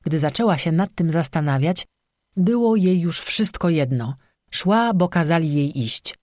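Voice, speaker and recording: An audiobook narrator reading a scripted horror story in an even, steady manner. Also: mid-range voice, unhurried, dry recording.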